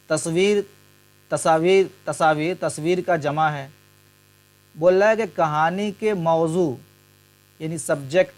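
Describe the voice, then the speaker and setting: A man teaching past exam questions, going through each option in turn and glossing terms with Hindi and English words. His voice sits a little high for a man. A faint mains hum runs under the recording. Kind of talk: explanatory exam lesson.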